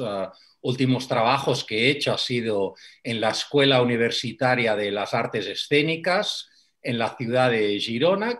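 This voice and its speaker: A man from Spain with a Spanish accent, an Alexander Technique teacher, introducing himself on a video call in a relaxed way with many fillers. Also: medium pitch.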